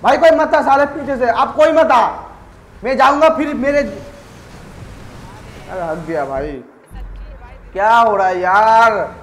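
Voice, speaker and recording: Very high-pitched man, trash-talking gamer commentary, swearing, excitable, echoey room. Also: slow pace, long pauses, slight background noise. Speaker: gaming YouTuber. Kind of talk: live gameplay commentary.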